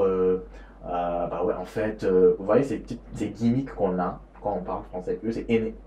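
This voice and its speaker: A man's voice: deep voice, warm tone, slight background noise. A young man from Niger talking casually in a vlog, rambling and repeating himself with many fillers. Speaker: student vlogger. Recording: roomy echo, faint ambience.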